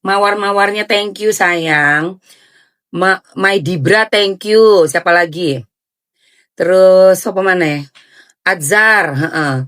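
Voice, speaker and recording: Animated woman scolding her livestream chat. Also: fairly low pitch, slow. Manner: animated, scolding, switching into Javanese phrases. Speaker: livestream host.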